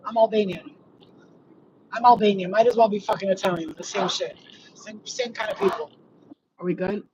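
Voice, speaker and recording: A New York woman in her 40s, a spiritual healer, rants casually, bluntly, and profanely to her viewers. Her mid-range voice is mellow and moderately paced, and the recording sounds slightly dull with faint background noise.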